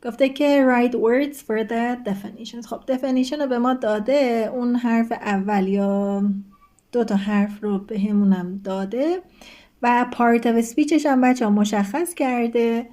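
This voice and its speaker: A woman's voice: on the high side, fairly even intonation, mellow. A woman teacher explaining a textbook exercise step by step, reading each prompt aloud and giving the answer while speaking directly to her students. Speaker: English teacher. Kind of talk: recorded online lesson walkthrough.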